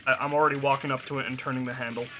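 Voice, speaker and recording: A man playing a tabletop role-playing game, questioning others and quick to act. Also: medium pitch, level tone, background noise. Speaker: player. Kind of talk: casual tabletop play.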